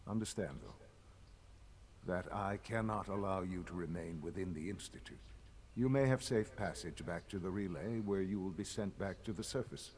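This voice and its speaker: Older director, calm and menacing, measured and courteous, slightly low register. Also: male voice, slight background noise. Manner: measured, polite, quietly threatening. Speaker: director of a secretive underground organisation. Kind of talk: video game character dialogue.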